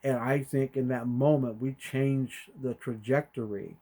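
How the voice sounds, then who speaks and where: A middle-aged man co-hosting a podcast, telling a family story and acting out the voices in it with sudden loud bursts. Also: medium pitch, measured pace. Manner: animated, acts out quotes with sudden loud jumps. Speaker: podcast co-host. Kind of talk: conversational storytelling.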